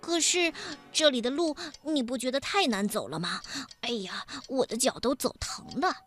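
A woman's voice: high voice, animated, moderate pace, music in the background. A woman voicing a proud, friendly city mouse who talks in a chatty, slightly boastful way. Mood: fussy.

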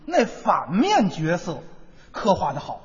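A man performing a crosstalk comedy routine, lively and quick, muddling film plots on a stage. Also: high voice. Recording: dull sound, long hall reverb.

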